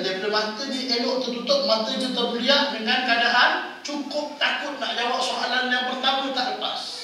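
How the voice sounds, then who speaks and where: A man with a Malaysian Malay accent giving a lively, playful religious lecture in a prayer hall, often quizzing his audience. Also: very high voice. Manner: playful, quizzes audience, acts out wives' voices. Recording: echoey hall, distant mic, noisy.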